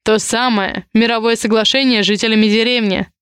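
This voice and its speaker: A woman's voice: a little high, steady tone, a little fast, fairly bright tone, clear, resonant tone, no echo, clean studio sound, lightly acted. A woman reading the lines of a stern, haughty male duke in a cold, commanding manner, in a story. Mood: curt.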